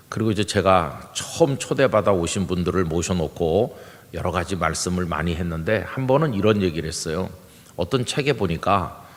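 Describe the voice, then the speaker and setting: An older man preaching a sermon as pastor, telling stories and acting out the voices of people in them. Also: deep voice. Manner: storytelling, acting out quoted voices. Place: large church sanctuary. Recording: long hall reverb.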